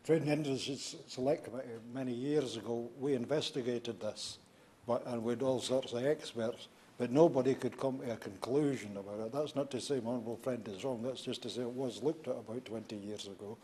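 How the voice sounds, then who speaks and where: An older man making a halting intervention in a parliamentary debate, asking a question. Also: medium pitch, fairly even intonation, dark tone, slight background noise. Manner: halting, recalls and then questions. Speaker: member of parliament. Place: large debating chamber.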